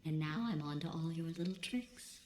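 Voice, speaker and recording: Brief: low, dry, passive-aggressive machine overseer, robotic filter, echoey game mix with a hum underneath. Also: female voice, normal speed. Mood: deadpan sarcasm. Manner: deadpan, passive-aggressive, insulting in a calm even tone. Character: cold sarcastic female computer overseer of a test lab. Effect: robotic processed voice. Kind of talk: video game dialogue.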